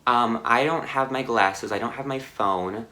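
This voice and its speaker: A young man telling a car crash story on his vlog, halting and shaken, with many fillers and restarts. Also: mid-range voice, sharp tone. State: anxious, shaken. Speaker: vlogger.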